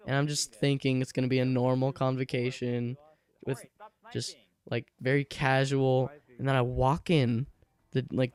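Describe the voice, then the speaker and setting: Teen guy gamer at his computer, chatty and rambling, warm smooth tone. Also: medium pitch. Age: late teens. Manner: rambling, chatty, laughs often. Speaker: gaming channel host. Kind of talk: casual gameplay commentary. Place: alone at home by his computer.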